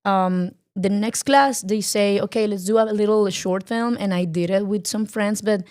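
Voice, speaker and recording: A young Colombian woman, a filmmaker appearing as a podcast guest, speaks English with a Colombian Spanish accent in a casual interview. Her mid-range voice is a little mellow, and she talks haltingly, using many fillers as she searches for words.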